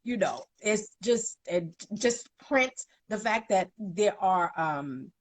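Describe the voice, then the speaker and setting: A woman's voice: medium pitch, lively intonation, slow, dry recording. A woman in her forties from Brooklyn with a Brooklyn accent, a model guest chatting in a sassy, emphatic, playful way. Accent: Brooklyn New York. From Bed-Stuy, Brooklyn, USA. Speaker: guest, plus-size model. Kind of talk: casual interview chat.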